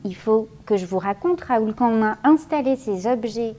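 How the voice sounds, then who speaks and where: A woman guiding a children's museum tour, explaining clearly and kindly. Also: fairly high pitch, expressive, moderate pace, dark tone. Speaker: museum guide.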